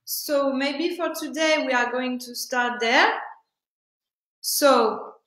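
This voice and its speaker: A woman's voice: sits high, reverberant, background noise. Woman teaching singing. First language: French. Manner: halting, searching for words, demonstrates with sung syllables. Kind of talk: online singing workshop.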